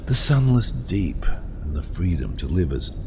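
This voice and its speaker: A world-weary, defiant submarine captain in a radio drama. His voice is very low and gravelly, swinging widely in pitch as he speaks slowly and grandly. A heavy rumble runs behind him. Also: sing-song, full character voice. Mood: bitter, brooding. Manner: grandiose, deliberate, theatrical delivery. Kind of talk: dramatic audio drama acting.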